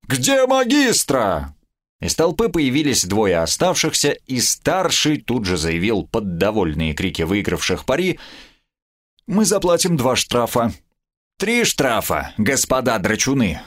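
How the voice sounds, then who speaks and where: A man reading a story aloud as narrator, in a lively, dramatic way. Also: lowish voice. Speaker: audiobook narrator. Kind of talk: scripted narration.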